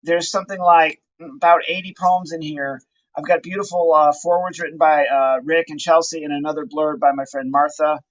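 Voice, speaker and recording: With a slightly high, steady voice and a brisk pace, a poet walks through a video tour, effusively and enthusiastically promoting his book in a casual way. There's no echo, and the handheld camera audio is dull and lo-fi.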